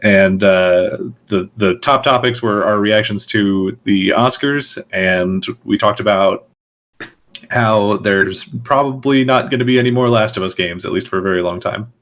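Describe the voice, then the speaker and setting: A man with a fairly low voice, chatting as a podcast guest. He ribs the others with quick teasing jabs and scatters fillers through his talk. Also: fairly bright tone. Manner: teasing, rapid-fire ribbing with fillers. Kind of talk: casual group chat.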